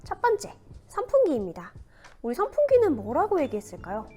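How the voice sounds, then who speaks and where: With soft music in the background, a woman teacher reads a picture book aloud and explains class activities. She has a high-pitched voice and a brisk, animated, sing-song storytelling style.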